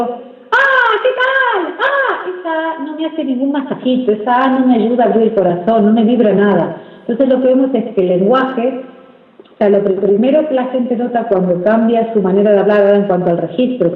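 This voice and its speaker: Woman from Argentina explaining in a roomy room. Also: fairly high pitch. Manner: measured and deliberate, stretches words to demonstrate sounds. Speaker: interview guest, speech therapist. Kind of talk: explanatory interview talk. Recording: roomy, dull lo-fi sound.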